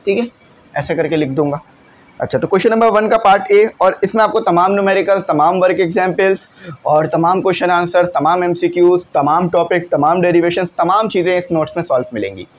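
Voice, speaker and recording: A man's voice: sits high, a little fast. A male teacher, patiently explaining exam answers in a classroom lesson and often checking in with his students. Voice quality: glasses wearer.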